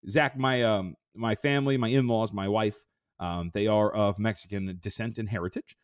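A man's voice: fairly low pitch, steady tone, normal speed, clean tone, dry recording, studio quality. A man in his thirties hosting a sports betting podcast in a loose, rambling way with lots of fillers. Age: 30s. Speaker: podcast host. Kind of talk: casual chat.

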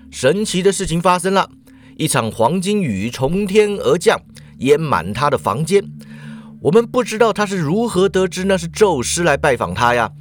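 A man hosting a podcast, retelling a Greek myth in a casual, chatty way with playful asides. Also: medium pitch. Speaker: podcast host retelling myths. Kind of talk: casual storytelling narration.

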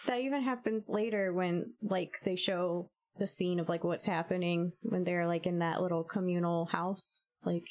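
A woman's voice: on the low side, fairly even intonation, normal speed, hardly any pauses, a little mellow. A woman in a casual podcast chat about a film, speaking hesitantly and leaning heavily on "like.". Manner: hesitant, heavy use of "like".

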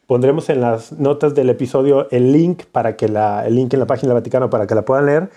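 A man's voice: mid-range voice, steady tone, quick pace, mellow. A man co-hosting a casual podcast, explaining points patiently and teasing his co-host playfully.

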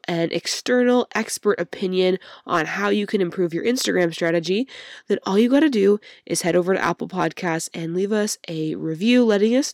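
A woman hosting a solo workshop-style podcast, croaky from a cold and upbeat as she speaks straight to her listeners. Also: mid-range voice, a little mellow, dry recording, studio quality. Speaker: podcast host.

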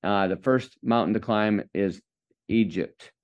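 A man's voice: on the low side, a little slow, muffled recording. A man hosting a faith-based podcast interview, enthusiastic and preacher-like as he encourages his listeners. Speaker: podcast host.

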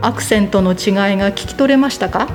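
A woman teaching a language lesson, slowly and carefully demonstrating how word accents differ. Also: medium pitch, a little mellow, soft background music.

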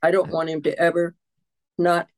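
A woman guesting on a podcast as a mother, speaking in a warm, affectionate, encouraging way. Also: fairly low pitch, monotone, normal speed, rough recording. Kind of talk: casual podcast interview.

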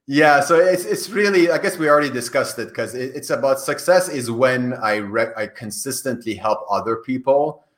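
Here a man who grew up in Iran, with Farsi as his first language, answers podcast interview questions as a guest over a call. His medium-pitched voice moves at a normal speed with few pauses, and he's earnest, often restarting and repeating words.

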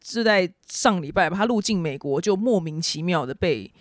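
A woman's voice: on the low side, lively intonation, moderate pace, no echo, studio quality. A woman hosting a casual news podcast, chatty and exasperated, ranting with sarcastic asides. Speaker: podcast host.

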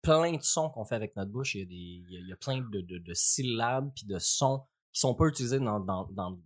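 A man's voice: on the low side, lively intonation, a little fast. A man with a Québécois French accent, a co-host in a casual chat, talking hesitantly and searching for words. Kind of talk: casual chat among friends.

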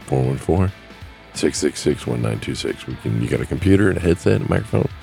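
A man's voice: rumbling low, expressive, quick pace, creaky, mellow, soft background music. A man hosting a casual solo podcast, rambling and plainspoken, choking up with grief. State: grieving, choking up. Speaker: podcast host.

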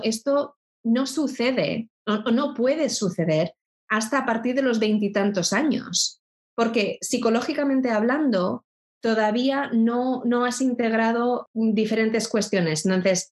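A middle-aged woman from Spain, a guest in a conversation, speaking thoughtfully with frequent restarts and rhetorical asides. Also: on the high side. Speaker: interview guest. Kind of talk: reflective conversation.

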